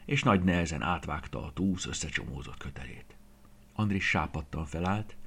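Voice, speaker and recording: A man narrating a children's story in an expressive, lively reading voice, sometimes dropping to a whisper. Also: sits low, vocal fry, slightly rough.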